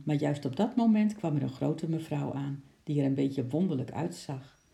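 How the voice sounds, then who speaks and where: Gravelly storybook narrator. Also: mid-range voice, mellow. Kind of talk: children's storybook reading.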